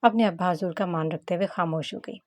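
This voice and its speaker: A woman's voice: fairly low pitch, a little fast. A woman narrating a romance novel as an audiobook reader. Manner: steady storytelling.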